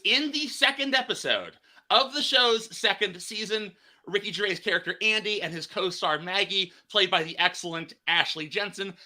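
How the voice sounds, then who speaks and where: A man's voice: high-pitched, pushed and bright. A man hosting a casual podcast chat, rambling and restarting his phrases. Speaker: podcast host.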